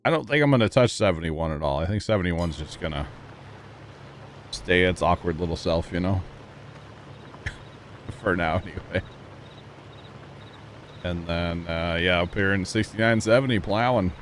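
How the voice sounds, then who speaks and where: A man's voice: low voice, normal speed, pauses often, a little hiss or hum. A man on a livestream, talking casually into a headset mic while he plays a farming game and greets his chat. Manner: greets chat viewers casually, relaxed and chatty.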